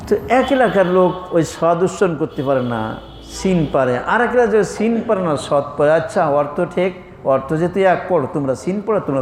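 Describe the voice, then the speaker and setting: High-voiced preacher in an echoey hall. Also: male voice. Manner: animated, rhetorical questions, mimics regional dialects. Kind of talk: sermon. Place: mosque or religious lodge hall. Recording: echoey hall with faint noise.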